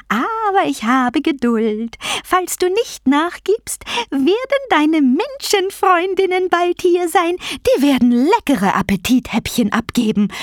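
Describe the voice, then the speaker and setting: Woman doing a high shrill vulture goddess, gloating and patient, slow and drawn out, storybook villain. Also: no room sound, clean studio sound, heavily acted.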